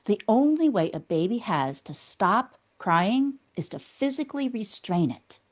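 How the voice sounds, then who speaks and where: A woman's voice: mid-range voice, very animated, unhurried. Woman explaining, checking in with "okay?". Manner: teacherly, checks in with a frequent "okay?". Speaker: guest, inner critic specialist. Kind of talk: explaining her theory in an interview.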